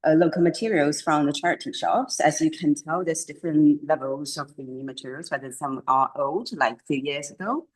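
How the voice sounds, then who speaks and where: A female curator with a deep voice talks through a gallery's exhibits in a relaxed interview, hesitant and using non-native English phrasing. She speaks at normal speed with hardly any pauses, and the recording quality is low.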